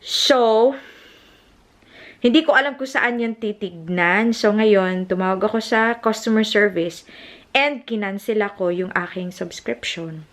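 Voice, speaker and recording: A woman's voice: medium pitch, unhurried, a bit bright. A woman from the Philippines, talking casually to camera in a family vlog and mixing Tagalog with English. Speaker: family vlogger.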